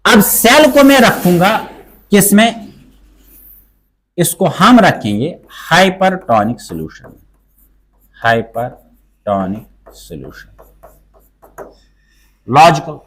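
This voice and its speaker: A male teacher explaining a biology lesson, asking himself questions and answering them, repeating key terms and slowing down to dictate definitions. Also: sits high, slightly rough, low-quality recording.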